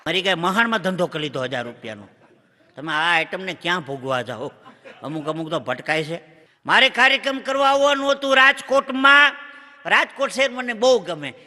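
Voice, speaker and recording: A high, very bright, forceful male voice with a lilt, telling a string of comic stories to a live crowd. He is a punchy joke-teller who slips into bits of dialogue as he goes. His voice rings out with the long reverb of a large hall. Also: lively intonation, brisk. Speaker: stand-up comedian. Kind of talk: Gujarati comic storytelling on stage. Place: stage before a live audience in a large hall.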